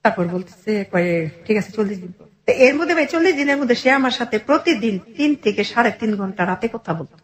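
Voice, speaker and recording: Her voice is a little high and expressive, and she talks quickly. A middle-aged woman with a Bangladeshi accent, she shares her life story as an interview guest, earnestly detailing events and often quoting what people said.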